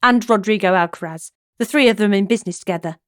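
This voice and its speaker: A woman's voice: mid-range voice, fast talker, no room sound, clean studio sound, close to an everyday voice. A woman voicing a playful, flirtatious female amateur sleuth in a cozy mystery audiobook. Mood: confident.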